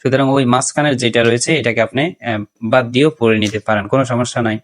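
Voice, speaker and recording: A man teaching pronunciation, reciting phrases slowly and drawn out, then explaining common mistakes in plain talk and repeating words to correct them. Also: medium pitch, steady tone. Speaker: religious teacher.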